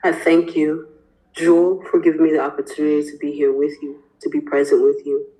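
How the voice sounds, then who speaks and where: A woman interviewing the host on a podcast, talking in a lively, effusive way with many casual fillers. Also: low-pitched, brisk, low-quality recording.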